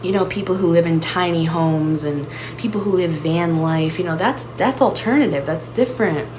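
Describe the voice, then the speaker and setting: A woman's voice: on the low side, moderate pace, over music, rough recording. A woman hosting her own channel, musing aloud in a searching, reflective solo monologue full of restarts and "like"s. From United States. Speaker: channel host. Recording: audible background noise.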